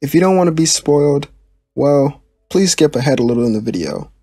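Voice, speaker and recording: A man's voice: fairly high pitch, expressive, fairly quick, warm tone, no echo, clean studio sound. A young man hosting his channel and narrating a fan story in a casual, plain way. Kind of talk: reading a fan story aloud.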